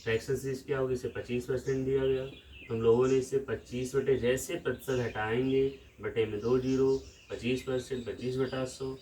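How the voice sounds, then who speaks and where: A man's voice: mid-range voice, flat delivery, moderate pace, mellow, slight background noise. Hindi man explaining maths from a distance. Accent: Lucknow Hindi. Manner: explains step by step with rhetorical questions. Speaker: maths teacher. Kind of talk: whiteboard maths lesson. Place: village room.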